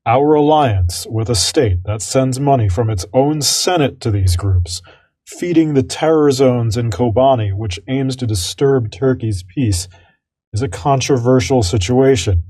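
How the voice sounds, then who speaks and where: A man giving an interpreter's translation voice-over in a news report, with a measured, formal delivery. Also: mid-range voice, a little mellow, breathy edge, no room sound, low-quality recording.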